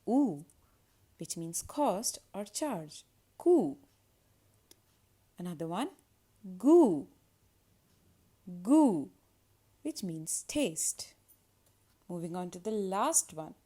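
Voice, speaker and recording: A woman's voice: on the low side, expressive, slow, a little mellow. A woman teaching French pronunciation, saying each French word twice with stress and then giving its English meaning. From India. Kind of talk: pronunciation lesson.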